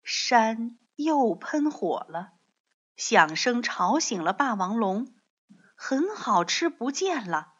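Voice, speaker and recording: A woman reading a picture book aloud in a soft, expressive storytelling voice. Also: on the high side, takes it slowly, breathy edge. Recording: dull lo-fi audio.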